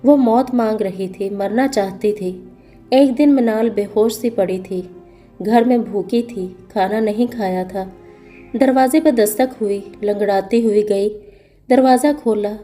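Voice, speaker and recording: A woman narrating a scripted story in a steady, earnest storytelling manner. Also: mid-range voice, faint music behind.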